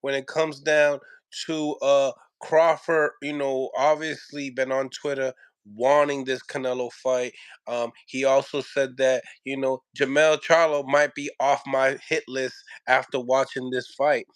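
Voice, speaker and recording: A man hosts a casual sports reaction video in a mid-pitched voice with a dry, close sound. He is wordy and agreeable, building up to his questions in a roundabout way. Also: level tone, measured pace, clear, resonant tone, no room sound. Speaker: host asking questions.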